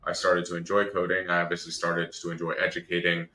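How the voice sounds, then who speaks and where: A man's voice: sits low, monotone, fast, sharp tone. A man giving conversational, explanatory interview answers as a podcast guest, in long structured stretches. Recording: roomy, echoey sound.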